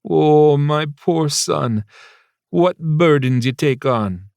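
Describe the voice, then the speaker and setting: A man's voice: on the high side, big pitch swings, moderate pace, no room sound, studio quality, voice pushed up. Man doing a lilting Jamaican mother. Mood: doting. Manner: lilting, gently teasing. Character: warm, doting older Jamaican mother.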